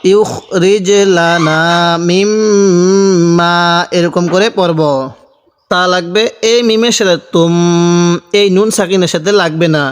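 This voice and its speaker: A man's voice: high voice, moderate pace. A man teaching how to spell out and recite the Quran, explaining each rule methodically and repeating every syllable. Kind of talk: spelling-out Quran lesson with slow chanted recitation. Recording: long hall reverb.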